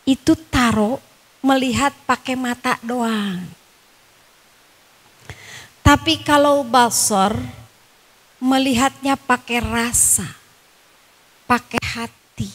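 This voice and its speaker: A woman with a Sundanese accent teaching a Quran study class, quizzing the women listening with questions and chanting Arabic verses slowly. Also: on the high side. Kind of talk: religious study lecture. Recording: long reverb, echoing hall.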